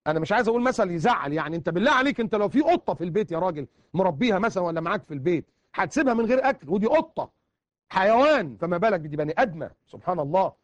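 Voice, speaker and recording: A man's voice: high voice, sing-song, very fast, no echo. A man preaching a colloquial sermon in an Egyptian accent, emphatic and repeating words for stress.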